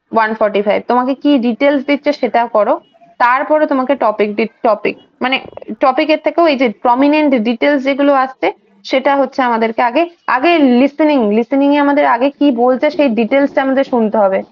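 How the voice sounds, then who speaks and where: High-voiced Bengali-accented woman teacher. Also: muffled recording. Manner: explains in Bengali mixed with read-out English. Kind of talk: online exam-prep class. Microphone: video call.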